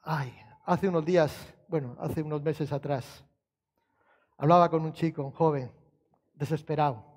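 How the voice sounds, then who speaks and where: High-voiced preaching man. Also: normal speed, pauses often. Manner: conversational preaching with rhetorical questions and scripture quotes; swings between soft, low storytelling and raised emphatic passages. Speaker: pastor. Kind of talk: sermon.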